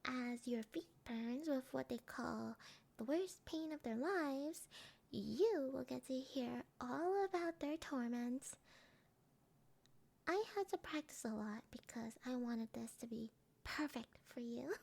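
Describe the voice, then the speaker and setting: Yandere lover played by a woman for ASMR role-play: high, unhurried, breathy delivery, cooing sweetly with eerie, sadistic obsession. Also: darkish tone, exaggerated voice. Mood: proud, devoted.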